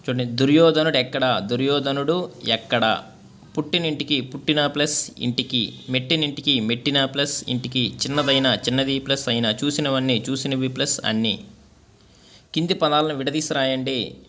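A man teaching a school lesson, reading out its questions and answers in a steady, measured, listing way. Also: medium pitch, slight background noise.

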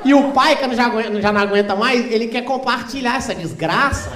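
A man with a Brazilian accent telling a stand-up comedy story, animated and slipping into mocking voices for the people in it. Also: very high-pitched, fairly quick. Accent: Brazilian Portuguese. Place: stage before a live audience. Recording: echoey live hall with a crowd.

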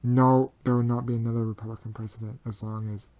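A man voicing a sneaky male plush-bear double agent in a homemade toy video, muttering low and quiet. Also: level tone, quick pace, muffled recording, natural voice. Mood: scheming.

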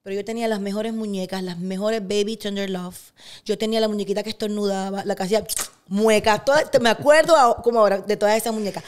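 A middle-aged woman with a Cuban accent, a guest in an interview, telling personal stories in a lively way. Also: medium pitch, fast. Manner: animated storyteller who acts out quotes. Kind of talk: casual interview storytelling.

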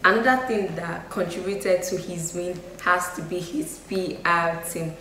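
A woman's voice: lowish voice, measured pace, sharp tone. A young woman giving her opinions in a casual vlog, talking loosely with lots of fillers. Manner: chatty, frequent "you know" and "um" fillers. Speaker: YouTube vlogger. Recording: echoey room with faint noise.

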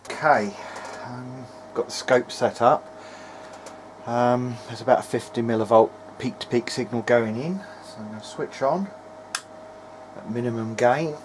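This video-diary hobbyist keeps up a loose running commentary while checking electronics, his remarks short, halting and muttered. The mid-range voice is captured at a small, messy indoor workbench, with audible background noise from the workshop.

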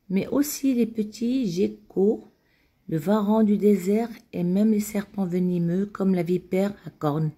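A woman's voice: medium pitch, mellow, dry recording. A woman narrating a scripted documentary-style video, reading steadily with occasional slips.

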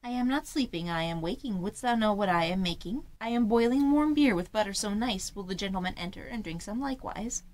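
A woman's voice: mid-range voice, lively intonation, fairly quick, hardly any pauses, a little mellow, natural voice. A woman voicing a female house cat who works as a maid, answering in sing-song rhymes. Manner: sing-song rhyming replies.

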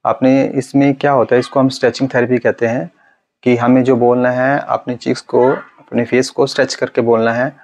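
A young man, a speech therapist, teaching in a slow, deliberate way and stretching out his syllables. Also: mid-range voice, flat delivery, a little mellow. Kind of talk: instructional video.

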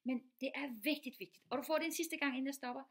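A middle-aged woman, a teacher and mother, giving casual advice, talking quickly with many fillers and restarts. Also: high voice, steady tone, a bit bright. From Denmark.

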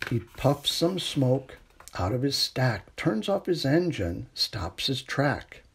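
Reading a picture book to children, a middle-aged man uses a soft, unhurried bedtime style and hushes the refrains. His mid-range voice is husky and creaky, with big swings in pitch.

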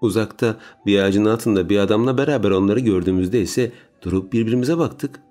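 A man narrating a story in a calm, steady audiobook reading. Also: lowish voice, a little fast. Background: soft music.

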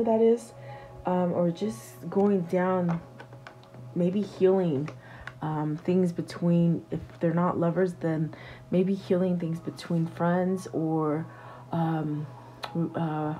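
A woman with a lowish, mellow voice gives a casual tarot reading straight to her viewers. She talks in a halting, reassuring way, pausing on fillers and restarting her sentences as she goes. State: hiccups. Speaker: tarot reader.

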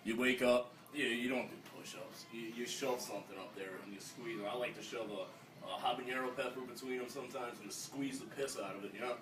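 A man's voice: mid-range voice, fairly quick, far from the mic, music in the background, lightly acted. A young man playing a brash, crude 1980s fitness instructor in a swaggering, rambling comedy sketch. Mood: boastful, rambling. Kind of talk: improvised mock-interview comedy sketch. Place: small indoor room. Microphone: phone camera a few feet away. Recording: echoey room, off-mic phone video.

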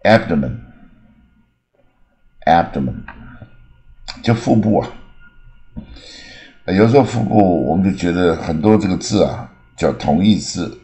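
Very deep-voiced man teaching. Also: dark tone. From Taiwan. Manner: frequent "啊" fillers, slow drawn-out demonstrations. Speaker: English teacher. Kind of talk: explanatory lesson, Mandarin mixed with English examples.

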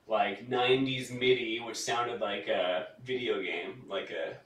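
A man chatting casually on a podcast, telling animated stories and laughing often. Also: lowish voice, a little slow, slight background noise. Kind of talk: casual chat. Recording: roomy sound from a distance.

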